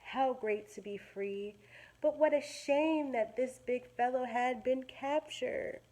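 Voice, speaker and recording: A female teacher reads a children's story aloud with expressive, dramatic flair, stopping now and then to explain words simply for her young audience. Her voice sits high.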